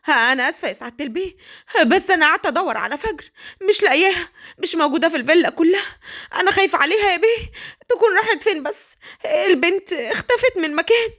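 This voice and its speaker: A woman's voice: very high-pitched, lively intonation, racing, a bit bright, voice pushed up. A woman voicing an anxious older housekeeper, pleading frantically in an Egyptian voice. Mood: frantic. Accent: Egyptian Arabic.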